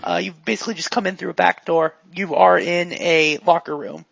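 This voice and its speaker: A man narrates a tabletop game with a playful, joking manner, his high voice full of gravel. The sound is dry and close. The mic is dull and lo-fi. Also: fairly even intonation, a bit bright, dry recording. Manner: playful, jokey, quick asides. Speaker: game master.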